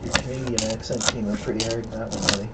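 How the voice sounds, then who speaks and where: A man's voice: on the low side, steady tone, fast, background noise. A man bantering in an easygoing, teasing way and relaying viewer chat. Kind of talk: casual banter.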